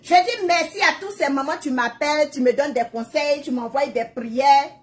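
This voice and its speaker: A woman with a high voice speaks at normal speed to her followers in a live video. She is an adult mother, and her casual social media monologue is emphatic and repetitive, turning into prayerful preaching.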